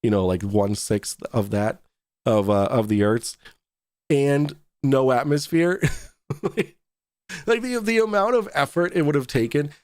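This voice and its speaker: A man's voice: medium pitch, expressive, unhurried, darkish tone, smooth, no echo, studio quality. A man with a Boston accent hosting a talk show, joking and laughing through casual live-stream commentary.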